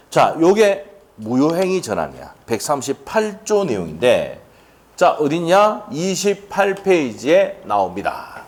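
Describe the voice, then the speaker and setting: A middle-aged man teaching an exam-prep law lecture, firing rhetorical questions and chatty asides at his students. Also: mid-range voice.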